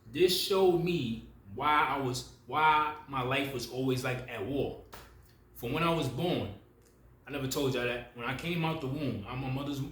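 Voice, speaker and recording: A man's voice: mid-range voice, fairly bright tone, echoey room, a little hiss or hum. A man, talking casually and rambling to the camera as a spiritual video creator. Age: 30s. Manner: loose, rambling, self-correcting, slangy and familiar.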